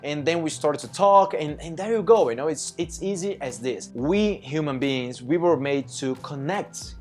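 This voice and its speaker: A language-learning content creator with a Russian accent, who learned English as a second language, talks to the camera at a normal pace in an animated, slightly high, darkish voice. Over faint background music, he gives casual, chatty advice full of "you know" and little acted-out dialogues.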